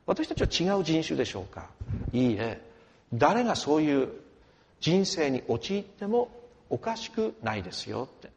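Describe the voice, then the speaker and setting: A man preaching a sermon, lively and emphatic, with dramatic swings from quiet to loud. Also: fairly high pitch, moderate pace, gravelly, big-room sound, lo-fi sound. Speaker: pastor.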